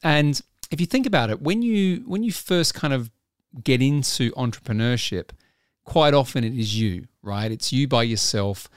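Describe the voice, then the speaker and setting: Male podcast host, slightly husky today, chatty and relaxed, dry close recording. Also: mid-range voice, moderate pace, no echo. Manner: conversational, clears throat, occasional laughs. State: husky from a frog in his throat. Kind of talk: solo business podcast talk.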